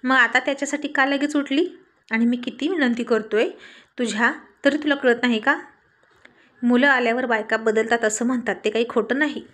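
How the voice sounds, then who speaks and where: A woman's voice: fairly high pitch, fairly even intonation, moderate pace, a bit bright, lightly acted. A woman voicing a teasing young husband. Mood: complaining. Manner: teasing, sulky banter.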